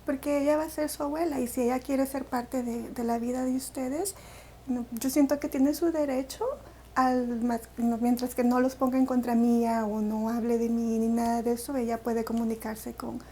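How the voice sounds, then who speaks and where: A woman's voice: on the high side, flat delivery, moderate pace, mellow, slight background noise. A woman from El Salvador with a Salvadoran Spanish accent, an interview guest telling her personal story in a reflective way, with many fillers and restarts.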